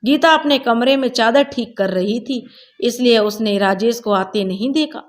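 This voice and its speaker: A woman storyteller reading a family story aloud in a plain, steady way with small slips. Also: a little high, moderate pace.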